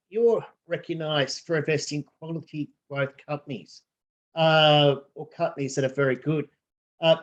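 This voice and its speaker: A man interviewing a guest, asking questions in a friendly, lightly hesitant way. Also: fairly high pitch.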